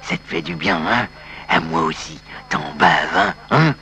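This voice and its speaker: A man's voice: a bass voice, animated, pushed and bright, a little hiss or hum, voice pushed down, heavily acted. A man voicing a sadistic fellow who taunts a crying friend in a comic sketch. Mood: gloating. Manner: taunting, relishing, drawn-out. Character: sadistic man gloating over a weeping friend.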